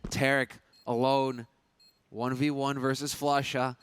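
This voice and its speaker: A man's voice: medium pitch, flat delivery, slow, clean tone. A man commentating in short exclamations as an esports caster.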